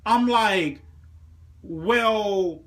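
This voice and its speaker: A man with a fairly high voice tells a story in a fired-up, cursing rant. He keeps switching into mocking impressions of the people he describes and addresses the viewer straight on. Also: drawn-out words, fairly bright tone. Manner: heated, swearing constantly, slips into mock voices for others. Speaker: vlogger.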